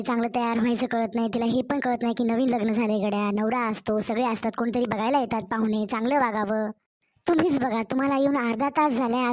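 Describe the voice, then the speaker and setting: A woman voicing a nagging mother-in-law, high-pitched. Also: natural voice. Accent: Marathwada Marathi. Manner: complaining, sharp-tongued. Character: scolding nagging middle-aged mother-in-law.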